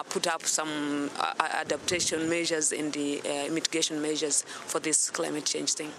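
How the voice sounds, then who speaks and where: A man answering an interview earnestly, with many hesitations and fillers. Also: fairly high pitch. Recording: outdoor city noise.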